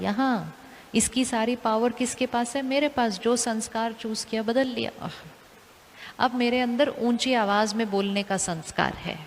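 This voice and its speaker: Casting: woman, calm spiritual teacher, asks the audience questions again and again, long hall reverb, faint hiss. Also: fairly high pitch.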